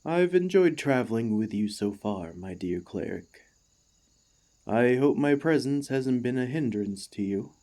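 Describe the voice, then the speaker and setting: This ASMR roleplay has a man as a warforged former gladiator, earnest and devoted, speaking courteously and formally to the listener with gentle hesitance. He uses a medium pitch and an unhurried, expressive, lightly acted delivery, and the tone is warm and tentative.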